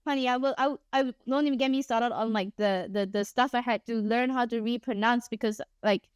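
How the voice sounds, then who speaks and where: A woman's voice: a little high, fairly quick, smooth, no room sound. A young woman from Singapore with a Singaporean accent, chatting casually and animatedly while streaming a game. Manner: animated and chatty, frequent laughs and exclamations. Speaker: VTuber streamer. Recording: dry close mic, soft music behind.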